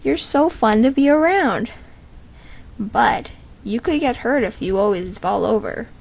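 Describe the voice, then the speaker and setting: A tiny newborn puppy girl tells her friend how much she loves him, voiced by a woman. The voice is affectionate with a faint gravelly creak. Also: a little high, expressive, a little slow, a little mellow, heavily acted.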